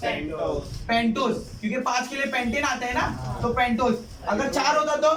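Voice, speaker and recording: Lecturing a chemistry class, this man has a very high voice and a steady tone, and he moves fairly quickly. He goes back over points and quizzes students with questions, captured by a far-off mic in an echoey room with students chattering.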